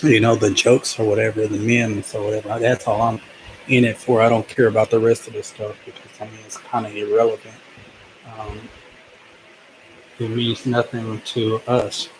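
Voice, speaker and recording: A man's voice: fairly low pitch, normal speed. A man talking casually to his own microphone in a loose, hesitant monologue, full of fillers and restarts. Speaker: vlogger. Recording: steady background noise.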